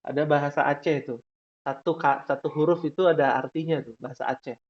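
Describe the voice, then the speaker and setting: A man's voice: fairly high pitch, steady tone. A male teacher talks to a room of students and keeps checking in with a short "ya" after each point. He draws out some words as he asks the class questions. The recording sounds dull and lo-fi. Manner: drawn-out questioning, frequent "ya" tags. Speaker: Arabic teacher. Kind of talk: classroom lesson.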